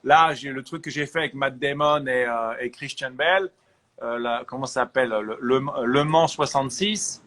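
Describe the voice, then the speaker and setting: A man from France, an actor, chatting as an interview guest and giving lively advice. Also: mid-range voice, moderate pace. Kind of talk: casual interview chat.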